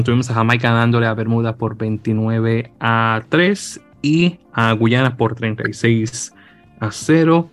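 Rambling male sports podcast host. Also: medium pitch. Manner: rambling, lots of hesitations and restarts. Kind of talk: casual sports podcast chat.

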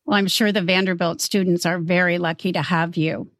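A woman hosting a podcast, encouraging her guest and asking short, clear questions. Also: lowish voice, steady tone, fairly quick, no echo, studio quality. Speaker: podcast host. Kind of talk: interview questions.

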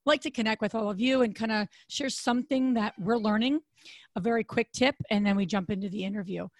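A woman co-hosting a podcast in a casual chat, her voice raspy and hoarse, with a chatty manner full of restarts. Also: brisk, no echo. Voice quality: raspy, deep voice. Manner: chatty, frequent restarts and fillers. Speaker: podcast co-host.

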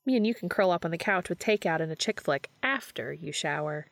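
A woman's voice: expressive, a little fast, no echo. A woman reading aloud and voicing a spunky, tough young woman who teases her friends in a raised, playful voice. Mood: playful teasing. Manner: bright, playful, higher and louder.

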